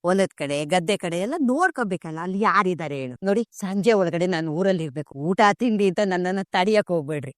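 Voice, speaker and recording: A woman's voice: on the low side, animated, fast talker, hardly any pauses, no room sound, studio quality, lightly acted. An actress playing a wise older grandmother in a TV serial, soothing yet firm with her family. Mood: brisk. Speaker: grandmother character. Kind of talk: TV serial acting.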